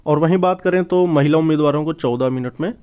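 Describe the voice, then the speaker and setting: A YouTube presenter covering exam news gives an informal explanatory update, repeating and rephrasing points as he goes. He talks fast in a fairly high yet dark, clear and resonant voice, though the recording itself sounds dull and lo-fi.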